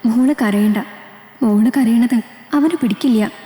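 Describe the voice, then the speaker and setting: A woman voicing a loving elderly grandmother who speaks softly through tears in a storybook. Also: a little high, measured pace, echoey room, in a large hall, close to an everyday voice. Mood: tender. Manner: soft, tearful, reassuring. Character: tearful loving old grandmother.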